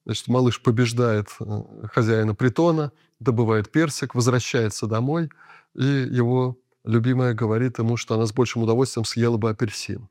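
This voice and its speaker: A man lecturing in a thoughtful, explanatory way, often pausing on fillers as he works through an idea. His voice sits at an ordinary middle pitch. The recording is dry and close, with no room sound. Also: fairly even intonation, darkish tone, no echo. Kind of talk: unscripted lecture.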